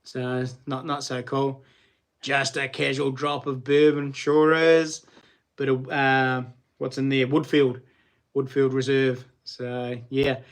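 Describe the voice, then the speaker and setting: A middle-aged Kiwi livestream host chats loosely with his viewers, full of slang and frequent laughter. He speaks slowly, at medium pitch, in a level tone.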